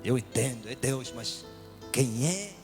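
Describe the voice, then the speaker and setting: A man preaching a testimony sermon, swinging from loud shouted praise to hushed whispers. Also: medium pitch, lively intonation, slow, music in the background.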